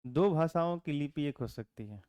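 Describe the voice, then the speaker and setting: A man teaching a classroom lecture, explaining calmly and often stopping to check that the students follow. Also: a little high, normal speed, clean tone, dry recording, clean studio sound. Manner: asks the class frequent check questions; calm explaining tone with teasing asides. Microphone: camera mic in classroom.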